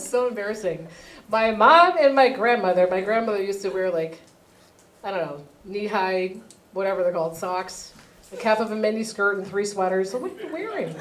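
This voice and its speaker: A woman doing a stand-up comedy set on stage, telling animated stories and acting out her family. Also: medium pitch, noisy background. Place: comedy theater stage with audience.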